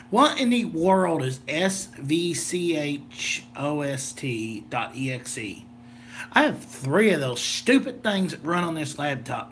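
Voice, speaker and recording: A slightly tired American man from southern Illinois rambles casually through a homemade gadget vlog, folksy and jokey. His voice is fairly high-pitched and fairly bright, with a little hiss or hum in the recording.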